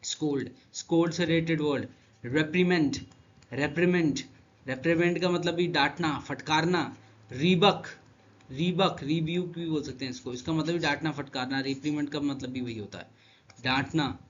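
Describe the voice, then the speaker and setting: A male teacher explains vocabulary in an online lesson, with a fairly high voice. He keeps asking his own questions and answering them, swinging up and down in pitch and loudness. The recording sounds muffled and lo-fi. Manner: animated, jumps in pitch and loudness. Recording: dull lo-fi sound.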